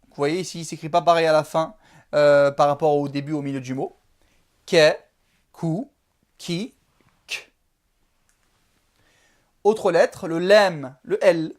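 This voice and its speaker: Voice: mid-range voice, darkish tone. A teacher giving a video lesson, speaking patiently, drilling syllables one by one and checking in with the viewer often. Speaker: Arabic alphabet teacher.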